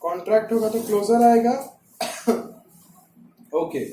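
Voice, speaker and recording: A male teacher explains a lesson in a high, mellow voice. He repeats each point and keeps asking his class whether they follow. The echoey room rings around him. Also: slow pace, slight background noise. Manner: repetitive, checks understanding with rhetorical questions. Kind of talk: classroom lecture.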